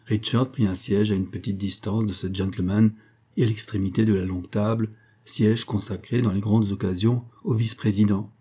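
A man narrating an audiobook with lively, ironic storytelling. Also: lowish voice, moderate pace, breathy edge. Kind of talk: scripted narration.

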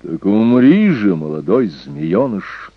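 A man voicing a proud Germanic king who speaks in a calm, dignified, measured way. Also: sits low, dry recording. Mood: calm, stern. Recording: dull lo-fi recording.

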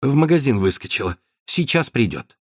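Male reader doing a calm, puzzled young woman, husky tone. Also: medium pitch, moderate pace, no room sound, studio quality. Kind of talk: audiobook narration.

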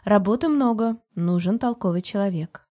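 A woman reading the part of a friendly chief engineer in his forties. He speaks politely and in a businesslike manner, in a mellow, darker tone. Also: mid-range voice, normal speed, lightly acted. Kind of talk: audiobook character voice.

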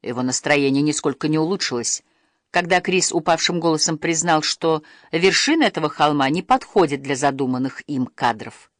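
An audiobook narrator reading a first-person story with expressive storytelling. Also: medium pitch, moderate pace, dry recording, clean studio sound.

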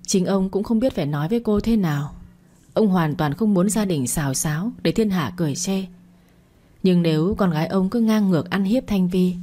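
A woman narrating an audio story in an even, storytelling manner. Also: lowish voice, slight background noise.

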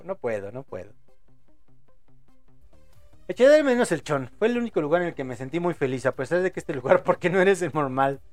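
A man in his thirties with a Mexican accent, hosting a casual live podcast, swearing, laughing often and rambling in slang. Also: a little high. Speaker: podcast host. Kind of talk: casual live-show chat reading audience posts.

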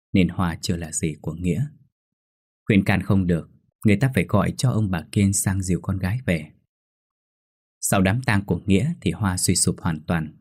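A man narrating a scripted ghost story in a steady, somber way. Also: sits low, husky. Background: faint music.

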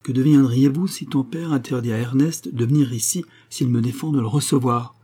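Tender careful noble mom, talks slow and earnest, guy reading her out. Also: medium pitch, mellow, slightly rough, close to an everyday voice. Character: tender, cautious aristocratic mother.

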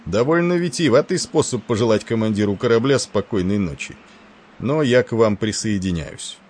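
A man voicing a gruff, pompous older male admiral. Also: lowish voice, lively intonation, normal speed, darkish tone, voice pushed up.

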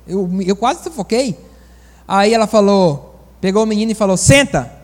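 A man preaching with a high voice that carries into a long, ringing reverb. He tells folksy stories in an animated way and keeps turning to the congregation with asides. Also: moderate pace. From Bahia, Brazil. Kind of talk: sermon.

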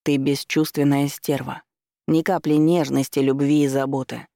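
A man's voice: medium pitch, flat delivery, normal speed, gravelly, warm tone, no echo, clean studio sound, close to an everyday voice. A man voicing a blunt, irritated young man who speaks in a curt, dismissive way.

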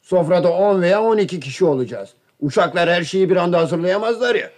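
An actor playing a lonely older wealthy man who hosts summer guests, in a radio play, with a calm, dry manner. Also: high-pitched, a little fast. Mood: patient, dry. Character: older wealthy male host, lonely and mocked.

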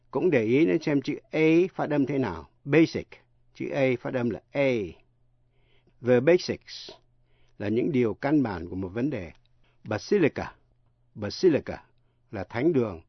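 Slow careful male radio teacher. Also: mid-range voice, dry recording, lo-fi sound. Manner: slow, careful spelling out of letters. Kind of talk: radio English pronunciation lesson.

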